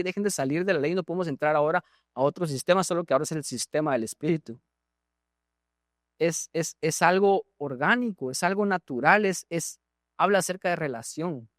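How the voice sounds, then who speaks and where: A Guatemalan pastor preaches to his congregation, throwing questions at the listeners and doubling back on his words as he goes. His voice sits a little high for a man. The sound is dry and close, with little room echo. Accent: Guatemalan Spanish. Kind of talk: sermon. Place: church.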